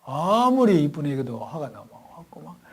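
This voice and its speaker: Man, pastor preaching, husky tone, somewhat high voice, quizzes the congregation, animated storytelling. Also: normal speed. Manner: asks the congregation frequent call-and-response questions; animated storyteller, swinging between loud and hushed. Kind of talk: sermon at a Bible lecture.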